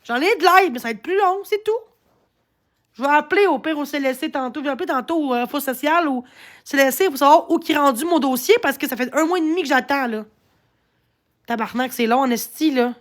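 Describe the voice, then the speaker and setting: A Québécois woman with a very high voice rants to her live-stream viewers. She sounds agitated, rambles from one complaint to the next and swears often. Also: quick pace. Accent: Québécois French. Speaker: livestreamer. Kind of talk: casual live-stream rant.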